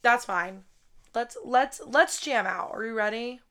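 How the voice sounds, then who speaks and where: Speaking close into a podcast mic, a chatty twentysomething woman hosts her solo show, raspy from a wedding over the weekend, cursing often and saying "like" nonstop. Her voice is on the high side, a little slow and sharp in tone. There is slight background noise.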